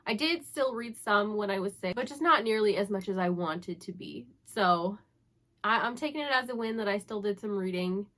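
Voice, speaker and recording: A young book vlogger, congested from the flu, talks to camera about her reading plans. Her medium-pitched, fairly bright voice is animated at a moderate pace, chatty, upbeat and self-teasing.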